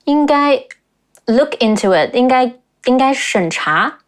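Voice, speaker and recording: A young woman from China talks through clips as a language teacher. She breaks words down and repeats sounds slowly to demonstrate tones, in a slightly high voice. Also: lively intonation. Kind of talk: reaction video with pronunciation lesson.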